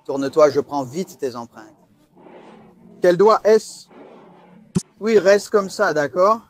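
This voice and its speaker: A man voicing a police officer in dubbed bodycam dialogue, with a fairly high and lively voice. He gives firm, commanding instructions. Faint noise sits behind him. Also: slow pace.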